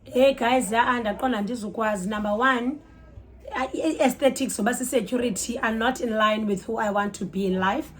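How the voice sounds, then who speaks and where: Speaking a little high and at a brisk clip, this Xhosa-accented South African woman narrates a story in a casual, vivid style for her vlog. She's animated throughout, code-switching mid-sentence, exclaiming, and dramatizing the conversations.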